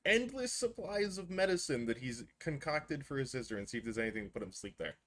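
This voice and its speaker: A man playing a tabletop game, earnestly thinking out loud about plans. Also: medium pitch, expressive, quick pace. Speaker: player. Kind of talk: casual tabletop game chat.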